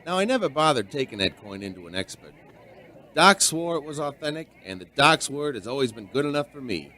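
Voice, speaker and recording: An actor plays an earnest, sentimental bartender telling a strange tale, radio-drama style, in a reflective mood. His mid-range voice swings widely in pitch, fairly quick, pushed and bright.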